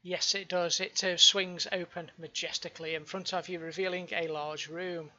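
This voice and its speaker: A woman's voice: lowish voice, fairly even intonation, moderate pace, sharp tone, highs cut off. A woman running a tabletop game as game master, narrating and explaining in a hesitant, improvised way.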